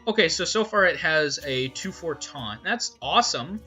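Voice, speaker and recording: Bright, animated woman playing a card game. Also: low voice, moderate pace, dull audio. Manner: playful, thinking aloud. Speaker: gaming host. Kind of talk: casual game commentary. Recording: faint game music behind.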